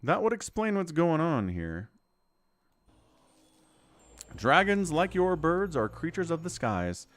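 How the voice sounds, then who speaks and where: Animated man doing let's play commentary. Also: a little high, takes it slowly, pauses often, dry recording. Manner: playful, thinking out loud. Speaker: game streamer playing a role-playing game. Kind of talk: let's play commentary, reading game text aloud.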